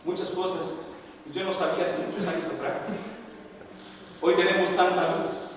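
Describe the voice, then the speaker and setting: A man's voice: level tone, moderate pace. Older male pastor preaching in an echoey hall. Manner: impassioned preaching, swinging from loud cries to low murmurs. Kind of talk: sermon. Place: church sanctuary. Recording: echoey church hall, distant mic, faint noise.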